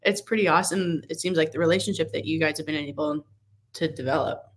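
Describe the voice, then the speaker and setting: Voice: medium pitch, quick pace, slight background noise. A podcast host in a casual interview, affirming the guest and often laughing along.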